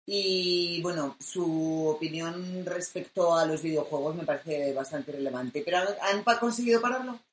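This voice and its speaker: A woman's voice: fairly low pitch, normal speed, hardly any pauses. Opinionated woman co-host, echoey room. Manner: opinionated, teasing. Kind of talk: casual chat. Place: small room at home.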